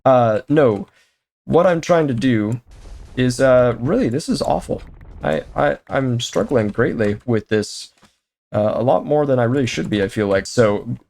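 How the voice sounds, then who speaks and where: Casual gameplay commentary comes from a man who keeps up a chatty running monologue, addressing both himself and the game. His middle-pitched voice has some vocal fry, and he mixes in rapid excited outbursts with dry jokes.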